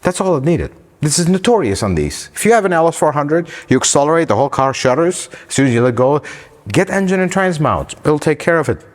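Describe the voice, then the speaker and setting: A man who runs an auto repair shop, explaining a car problem to viewers in an animated, exasperated way. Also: fairly high pitch, brisk, in a large hall. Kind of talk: shop-floor explainer talk.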